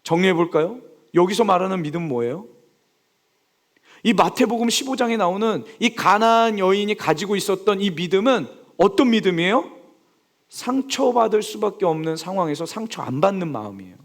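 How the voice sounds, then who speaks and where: Young male pastor giving a sermon, high voice with big lively swings, keeps asking the crowd questions. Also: fairly quick. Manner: lively preaching, asks the congregation questions; acts out quoted speech with big swings in pitch.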